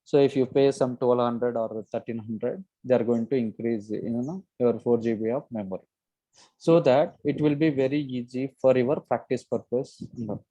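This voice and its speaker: A man with a Telugu accent giving an informal live online software lesson, explaining step by step and often checking in with "okay". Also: medium pitch, moderate pace, dry recording, muffled recording. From Telugu-speaking region of India. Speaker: software trainer.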